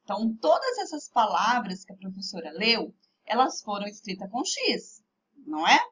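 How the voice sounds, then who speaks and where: A woman teacher with a Brazilian Portuguese accent gives a remote lesson to young pupils, speaking slowly and carefully sounding out each word. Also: medium pitch, big pitch swings, a bit bright, dull audio. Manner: slow, clearly articulated, spelling out words for children. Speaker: primary school teacher.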